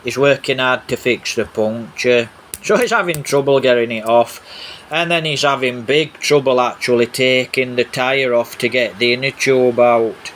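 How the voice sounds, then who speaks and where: A man's voice: medium pitch, moderate pace. A man giving a casual, rambling, repetitive vlog narration over video footage. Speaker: vlogger. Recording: steady background noise, rain on roof. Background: rain on a roof.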